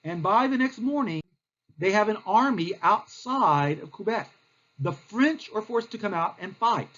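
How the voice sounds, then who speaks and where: A man's voice: high-pitched, animated, unhurried, fairly bright tone, highs cut off. A male teacher, giving a recorded history lecture in a plain, explanatory way with frequent fillers.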